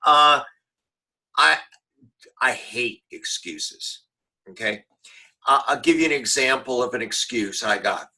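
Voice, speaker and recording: A male business professor talks through his course rules in a recorded online lecture. He rambles, restarts his sentences and tosses in dry, sarcastic asides. His tone is bright and forceful. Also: mid-range voice, animated, slow pace, pauses often, rough recording.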